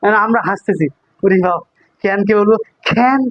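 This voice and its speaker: A man's voice: high-pitched, normal speed, fairly bright tone, dry recording, highs cut off. A man teaching an English grammar class, repeating each example sentence in two languages and asking students if they follow. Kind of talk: classroom lesson, drilling sentences aloud.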